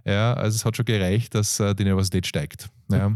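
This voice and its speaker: A man with an Austrian accent, a coach and comedian, telling stories in an interview with lively laughs and many fillers. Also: lowish voice, fairly quick, no echo, studio quality. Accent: Austrian German. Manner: animated storytelling with frequent laughs and fillers. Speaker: guest, coach and stand-up comedian. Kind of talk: conversational interview.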